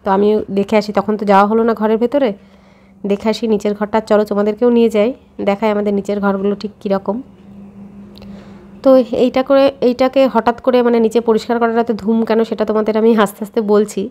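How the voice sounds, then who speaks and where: Fast-talking woman vlogger. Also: medium pitch, fairly even intonation, mellow. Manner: chatty, addresses viewers directly. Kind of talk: casual daily vlog narration.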